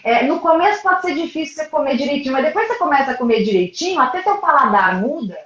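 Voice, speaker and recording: Earnest high-voiced woman, roomy dull sound. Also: animated, fast, fairly bright tone. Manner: earnest, repeats phrases for emphasis. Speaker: psychologist guest. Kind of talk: explanatory interview talk.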